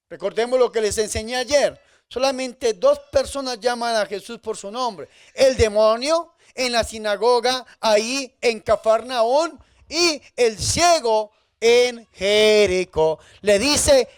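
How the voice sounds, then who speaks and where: High-voiced priest preaching. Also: male voice, clean tone. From Colombia. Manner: emphatic preaching with big swings between loud and soft. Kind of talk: sermon.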